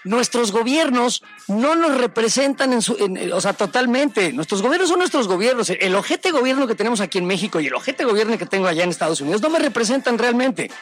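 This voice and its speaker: A man's voice: extremely high pitch, sing-song, brisk, few pauses, soft background music. A man with a Mexican accent, co-hosting a casual chat, ranting in profane, slang-heavy speech. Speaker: co-host.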